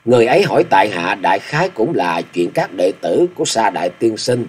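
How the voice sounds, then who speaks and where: A man's voice: on the low side, big pitch swings, a little fast. A man voicing a polite but stubborn young male swordsman who gives formal, proud replies. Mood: earnest.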